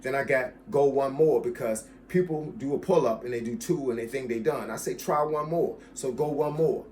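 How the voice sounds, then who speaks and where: In a medium-pitched, darkish voice at a moderate pace, a fitness coach in his fifties chats to camera about his channel. He speaks directly to viewers and presses his points by repeating key phrases.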